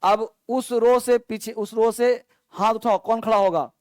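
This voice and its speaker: Male teacher, vocabulary drill; high, smooth voice, dry close sound. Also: fairly even intonation, a little mellow, dry recording. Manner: repeats each word slowly, then gives its meaning; quizzes students, calling on them to stand. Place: classroom with an online stream.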